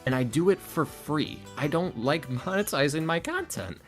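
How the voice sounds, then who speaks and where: Guesting on a podcast, a man who makes ASMR roleplay content shares strong opinions casually, rambling with emphasis, slangy wording, and quotes he acts out. His voice is on the high side with lively intonation at a normal speed, and faint music runs behind it.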